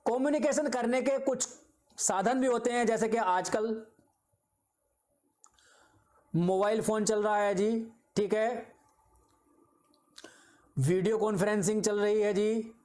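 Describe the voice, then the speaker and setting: A man's voice: sits high, darkish tone. Patient man teaching a video lecture. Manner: repeats points, checks in with "theek hai" and "hai na"; explains patiently with simple examples. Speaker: exam-prep teacher.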